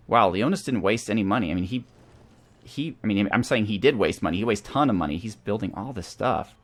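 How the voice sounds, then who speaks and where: Over background music, a male host of a gaming series chats casually through a video game playthrough, musing aloud about which option to pick. He has a low voice with a fairly bright tone.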